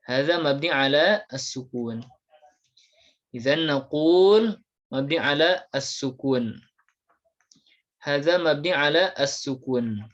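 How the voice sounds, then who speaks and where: A teacher giving an Arabic grammar lesson, slowly drilling word forms one by one with many repetitions. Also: medium pitch, lo-fi sound. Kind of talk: classroom lesson.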